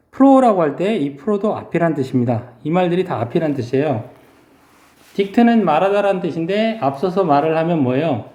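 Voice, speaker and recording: A male English teacher giving a vocabulary lesson, explaining slowly and drawing out English words to model their pronunciation. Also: a little high, warm tone, roomy sound.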